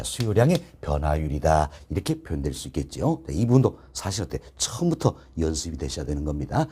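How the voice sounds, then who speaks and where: A man's voice: low-pitched, mellow, breathy edge. A middle-aged man teaching a recorded exam-prep lecture, quizzing students with questions and answering them himself, repeating key phrases. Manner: call-and-response teaching, answers his own questions; repetitive, drilling key phrases. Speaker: real estate exam instructor. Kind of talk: online lecture.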